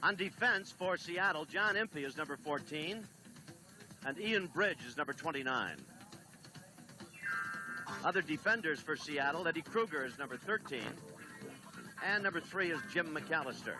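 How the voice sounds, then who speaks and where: A man calling a late-1970s televised soccer match as play-by-play announcer, briskly reading standings, lineups and notices. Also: fairly high pitch, music in the background, rough recording. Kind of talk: 1970s TV sports broadcast. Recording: old TV broadcast with steady noise.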